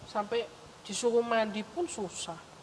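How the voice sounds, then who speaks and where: A woman's voice: a little high, a little slow, in a large hall, slight background noise, natural voice, low-quality recording. A woman voicing a sulky young child puppet who grumbles about wanting toys. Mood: grumbling. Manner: whiny, grumbling kid voice. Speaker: puppet character.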